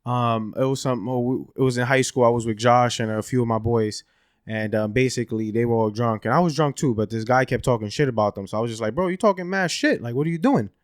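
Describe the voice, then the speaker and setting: A man's voice: mid-range voice, fast, no echo, clean studio sound. A man co-hosting a podcast, telling a rambling story in casual chat and leaning on "bro" and "right". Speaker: podcast co-host.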